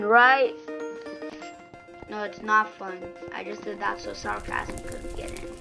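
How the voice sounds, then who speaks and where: Slow, gravelly sarcastic woman gamer. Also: medium pitch. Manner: sarcastic, grumbling asides. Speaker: gaming channel host. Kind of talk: casual gameplay commentary.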